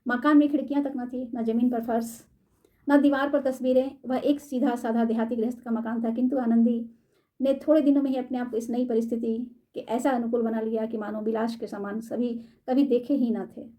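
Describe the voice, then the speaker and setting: A woman storyteller reading a classic short story aloud in a measured, formal way. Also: fairly high pitch, steady tone, mellow.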